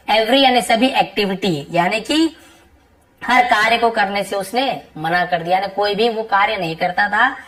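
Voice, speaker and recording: A woman English tutor explaining a passage word by word, reading each English phrase slowly and then going over it patiently and repetitively. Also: medium pitch, poor audio. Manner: patient, repetitive teacher talk with frequent checks like "ठीक है".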